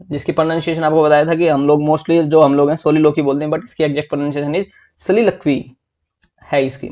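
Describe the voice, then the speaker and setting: A young man teaching English vocabulary for exams in a lively, chatty way, often calling his listeners "bhai". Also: on the high side. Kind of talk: exam-prep vocabulary lesson.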